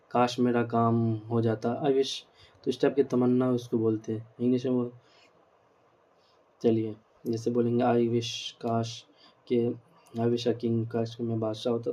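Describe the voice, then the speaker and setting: A man's voice: mid-range voice, little pitch movement, dark tone. A male teacher giving a grammar lecture, explaining step by step, asking rhetorical questions and mixing in English words.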